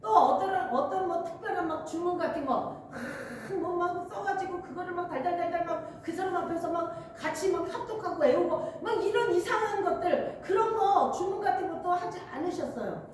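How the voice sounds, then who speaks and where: A woman's voice: very high voice, moderate pace, hardly any pauses. A middle-aged woman pastor giving a conversational sermon, often addressing the congregation and acting out quoted voices. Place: church sanctuary. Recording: echoey church hall, distant mic, faint hiss.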